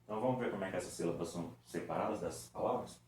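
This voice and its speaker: A male teacher with a Brazilian Portuguese accent talks children through a recorded lesson. His voice sits fairly low and he stretches words out patiently, one syllable at a time. The room echoes and there is a faint hiss behind him. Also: a little mellow. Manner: patient, drawn-out syllable-by-syllable demonstration.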